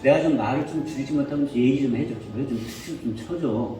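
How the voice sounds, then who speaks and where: A man voicing a patient, resigned middle-aged husband who speaks low and subdued, recorded from afar in an echoey hall. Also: expressive, moderate pace, warm tone. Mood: pleading. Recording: echoey church hall from far off, faint music.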